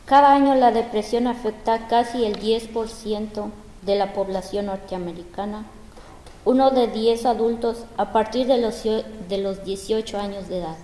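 A woman from Mexico, a panel guest giving calm information about depression. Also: mid-range voice, normal speed. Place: large school gym. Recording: roomy echo, faint noise.

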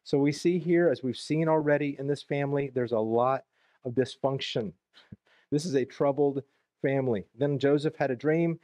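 A pastor with a Southern US accent preaching a sermon in church, reading scripture aloud and adding conversational asides. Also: male voice, mid-range voice, mellow, no room sound. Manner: conversational, reads verses then adds plain asides. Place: church sanctuary.

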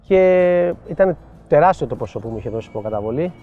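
Older male coach, raised voice, tells stories with quoted back-and-forth, dull lo-fi sound, faint music behind. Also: a little high. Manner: animated anecdotal, acts out quoted dialogue. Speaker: football coach. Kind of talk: storytelling interview.

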